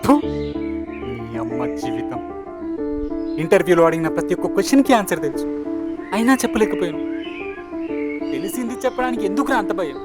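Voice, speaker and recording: The anxious jobseeker, self-doubting and frustrated, over loud music. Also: male voice, high-pitched, big pitch swings, a little fast, pauses often. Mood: self-reproach. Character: anxious young man who failed a job interview. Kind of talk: short film acting.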